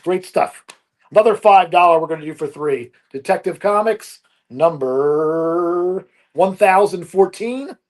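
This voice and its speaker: Picture a man with a notably high voice selling comic books on a live stream. He rattles off issues and prices in an upbeat, brisk salesman's patter. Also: lively intonation, a little mellow. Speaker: comic book seller on a live auction.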